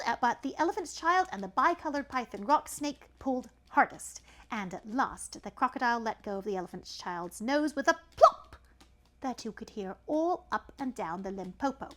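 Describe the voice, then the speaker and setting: Reading a children's story aloud, a woman with a fairly high voice performs it in an animated way, tossing in chatty asides to a young listener.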